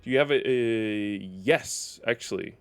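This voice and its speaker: A man's voice: on the low side, unhurried, smooth. A man live-streaming a video game, chatting casually in a rambling, self-correcting way.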